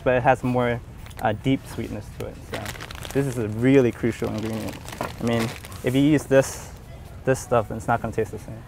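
A young man and home cook talking casually about his cooking in a relaxed, rambling way, full of fillers. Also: medium pitch, slight background noise. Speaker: home cook hosting a dinner party. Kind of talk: casual documentary talk.

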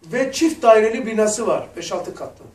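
A man's voice: high-pitched, lively intonation, normal speed. A man giving a religious lesson, telling stories in a casual, colloquial way with blunt slang asides. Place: lesson room. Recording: roomy echo, mic far off.

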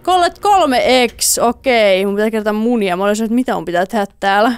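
A woman doing let's play commentary, excitable, talking to the game characters and slipping in English phrases. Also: medium pitch, smooth, dry recording, studio quality. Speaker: gaming YouTuber.

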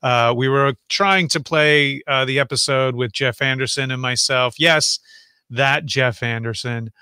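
A man's voice: medium pitch, steady tone, measured pace, sharp tone, clean tone, no room sound. A man hosting an online interview show, chatty and jokey, with lots of fillers. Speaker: podcast host. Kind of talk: casual interview chat.

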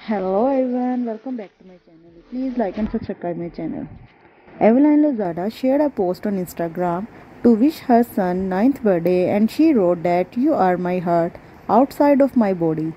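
A woman hosting a channel, reading a scripted narration flatly with grammar slips. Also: medium pitch, moderate pace, lo-fi sound, a little hiss or hum. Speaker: channel host.

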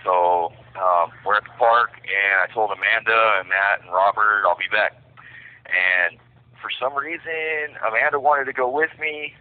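A man, a prisoner, recounting his own past over the phone in a halting, frank way, full of fillers. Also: lowish voice. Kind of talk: personal confession by phone. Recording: tinny prison phone line.

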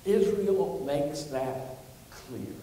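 Slow high-voiced pastor in an echoing church. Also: male voice, mellow. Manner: calls for answers from the congregation. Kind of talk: sermon with scripture reading. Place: church sanctuary. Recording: echoey church hall, distant mic, faint hiss.

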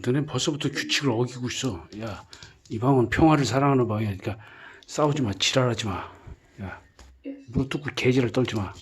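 A man talking casually in a gruff, exasperated way, scolding and sighing, with repeated commands and frequent swearing. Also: medium pitch, a little fast. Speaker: vlogger caring for puppies.

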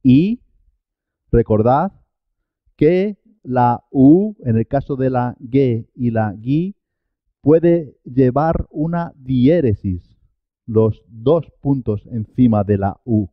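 A man's voice: mid-range voice, animated, extremely slow, no echo, highs cut off. A man teaching a Spanish pronunciation lesson, carefully enunciating each sound and model word. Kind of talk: slow, clear pronunciation lesson.

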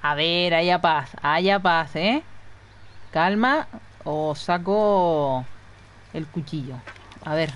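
A woman's voice: deep voice, extremely slow. A woman chatting casually and swearing freely as she streams a video game. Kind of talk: casual live gameplay commentary.

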